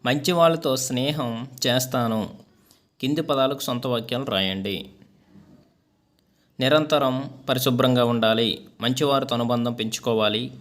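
A male teacher works through a school lesson's exercises. He reads each question and its answer in an even, measured rhythm, at a middle pitch for a man.

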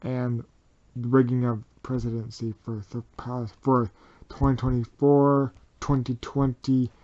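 A man voicing a sneaky male plush-bear double agent in a homemade toy video, muttering low and quiet. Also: level tone, a little slow, muffled recording, lightly acted. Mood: scheming.

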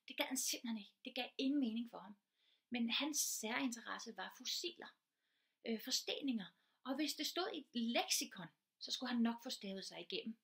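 An earnest woman teacher gives an informal lecture. Her voice sits a little high, and she explains patiently, piling up concrete everyday examples to make each point clear. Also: fairly bright tone.

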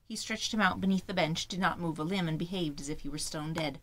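A woman's voice: on the low side, fairly bright tone. Woman reading fairy tales aloud. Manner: measured storybook reading. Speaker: author and audiobook reader. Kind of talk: scripted fairy-tale narration.

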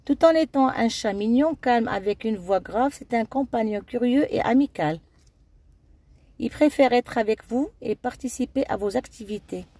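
A woman's voice: on the high side, lively intonation, moderate pace, mellow, no echo. A woman narrating a scripted documentary-style video, reading steadily with occasional slips.

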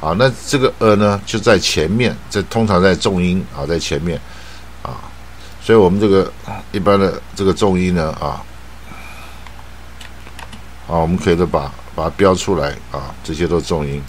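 Low-voiced taiwanese guy teaching english sounds, stretches the example words out slow, lots of little filler sounds. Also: slight background noise. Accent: Taiwanese Mandarin. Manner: slow drawn-out model words, frequent filler particles. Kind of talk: pronunciation lesson.

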